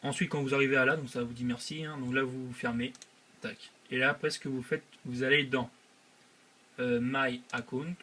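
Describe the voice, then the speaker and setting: A man's voice: mid-range voice, fairly even intonation, moderate pace, pushed and bright. Young guy doing a screen tutorial, lots of umms, faint hiss behind him. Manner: hesitant, many filler sounds. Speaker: channel host. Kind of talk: screen-recorded software tutorial.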